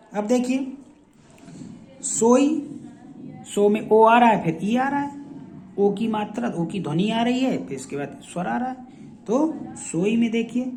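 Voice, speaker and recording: In an echoey room, a man teaches a shorthand class, repeating each example word aloud several times as he explains how it is written. His voice sits high and is mellow, with a little hiss or hum.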